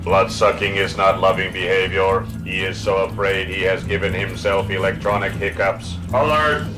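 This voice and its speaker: A man's voice: low voice, steady tone, moderate pace, echoey room, over music, natural voice. A man voicing an earnest, literal-minded household robot that talks in stiff, formal announcements.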